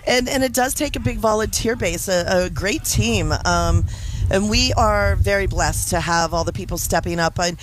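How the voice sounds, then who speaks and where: A woman's voice: medium pitch, normal speed, poor audio. Woman, radio guest, friendly and explanatory, faint background noise. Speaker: food bank guest. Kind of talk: radio interview.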